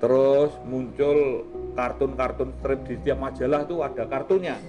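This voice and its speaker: Hosting a casual art talk, a man with Javanese-accented Indonesian chats colloquially and loosely, tagging his points with small questions. His tone is steady and medium-pitched at a normal speed. Music plays underneath, and the high frequencies are cut off.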